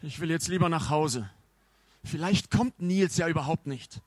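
A man's voice: a little high, normal speed, no echo, close to an everyday voice. A man voicing a jittery village boy who talks in a breathless, urgent way. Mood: grumpy.

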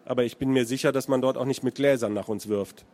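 A man voicing a dry, quiet middle-aged man after fleeing a bar. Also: medium pitch, fairly even intonation, fast talker, natural voice. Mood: wry.

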